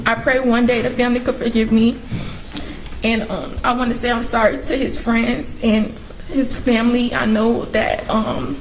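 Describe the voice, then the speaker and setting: A woman's voice: on the high side, little pitch movement, moderate pace. A teenage or young adult woman giving a sobbing, tearful apology as a defendant's statement in court. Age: teens to young adult. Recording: noisy courtroom audio.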